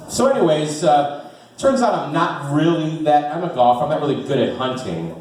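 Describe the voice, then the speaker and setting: A man's voice: on the high side, animated, moderate pace, a little mellow. A man in his fifties doing a rambling, self-deprecating stand-up set, full of fillers, in front of a small live audience. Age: 50s. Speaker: stand-up comedian. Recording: echoey room from far off.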